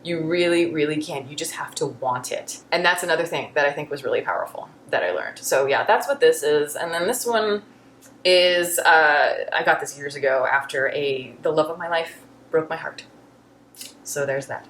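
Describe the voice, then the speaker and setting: A woman's voice: deep voice, animated, normal speed, fairly bright tone, reverberant, slight background noise. A woman answering viewer questions in a casual way, candid and reflective, often restarting her sentences. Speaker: YouTube film reviewer.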